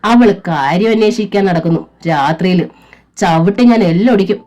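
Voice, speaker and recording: A woman doing a brutal, shouting husband. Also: medium pitch, normal speed, natural voice. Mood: furious. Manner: shouting, threatening. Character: angry brutish young husband, violent.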